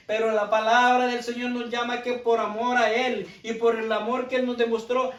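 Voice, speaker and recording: Guy preaching in church, really high voice, fervent, sounds far off. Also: fairly bright tone. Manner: fervent, addresses the congregation often. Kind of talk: sermon. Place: church hall. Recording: echoey church room, from far off.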